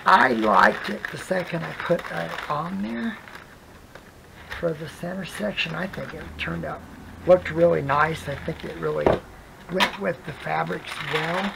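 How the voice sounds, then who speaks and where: An adult craft vlogger chats casually while working, rambling softly and slipping into whispers. Her medium-pitched voice is hoarse and keeps cutting in and out, and the background is noisy.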